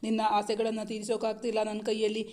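A woman voicing an emotional, fretful young bride in a storybook romance, with soft, even delivery. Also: mid-range voice, fast talker, natural voice. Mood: apologetic.

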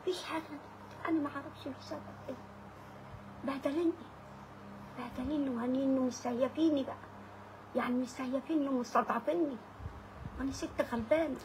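An Egyptian woman in her sixties pleads her case in a high, rapid voice. She keeps repeating the same short phrases. A loud, noisy background runs under her. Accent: Egyptian Arabic. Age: 60s. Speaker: interviewee, widow. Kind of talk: emotional street interview.

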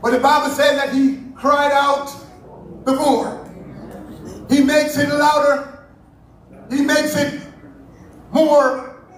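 A man preaching a Sunday sermon, fervent and breaking into shouts. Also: extremely high pitch, little pitch movement, takes it slowly, pauses often, far from the mic, a little hiss or hum. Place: church sanctuary. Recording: very echoey church hall, heard from afar.

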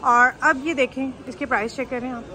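A woman's voice: high-pitched, fairly even intonation, a little fast, bright, forceful tone. A woman chatting casually as she films herself shopping in a big supermarket, exclaiming at prices and food. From Pakistan. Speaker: vlogger. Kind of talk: casual shopping vlog chat. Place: large indoor supermarket. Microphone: handheld phone camera. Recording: background music laid over.

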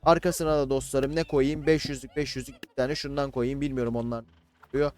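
A man giving casual, excitable commentary on a battle game, swearing and shouting at the units he controls. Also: mid-range voice, brisk. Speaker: gaming YouTuber. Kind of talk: casual Let's Play commentary.

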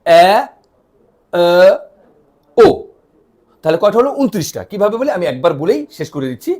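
A man teaching an online language lesson, spelling out letters one by one and drilling their sounds, often asking questions and answering them himself. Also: high voice. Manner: animated, spells letters out slowly with repeated drills.

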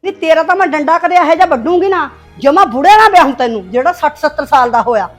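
A middle-aged village stepmother, harsh and sharp-tongued, is voiced by an actress in a Punjabi short film. She nags and scolds in Punjabi with a Punjabi accent, her high voice fast and expressive, over soft background music.

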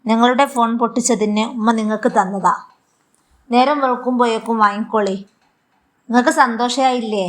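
A woman's voice: on the high side, fairly even intonation, brisk, pauses often, lightly acted. A woman voicing a kind but firm young daughter-in-law who speaks earnestly, with a Malabar Malayalam accent. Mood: reproachful. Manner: earnest, reproachful.

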